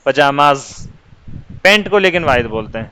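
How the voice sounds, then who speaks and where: A man's voice: mid-range voice, expressive, bright, forceful tone, clear, resonant tone, low-quality recording. A male teacher patiently explaining English words for children, asking questions and answering them himself.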